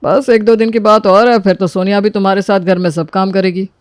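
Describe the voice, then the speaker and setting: Guy doing a soft placating husband in a cartoon, pretty high voice, dry sound. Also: little pitch movement, brisk, smooth, no room sound, lightly acted. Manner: gentle, placating. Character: easygoing young husband, placating his wife.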